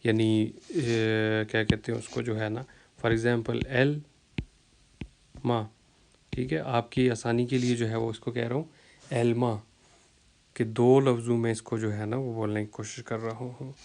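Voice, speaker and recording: A man teaching a vocabulary lesson who speaks. He repeats each word slowly and uses many fillers as he explains. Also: medium pitch, level tone, vocal fry, darkish tone, a little hiss or hum. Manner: slow, repeats words to drill pronunciation, many fillers. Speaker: language teacher.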